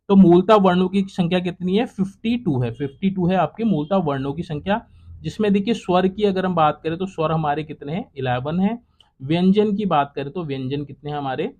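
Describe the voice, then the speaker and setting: Young male exam tutor, slightly high voice, repetitive question-by-question delivery that drops off low. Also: a little mellow, dull audio. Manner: repetitive, drops to a low trailing voice at each close. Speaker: exam prep teacher. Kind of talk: solving quiz questions aloud.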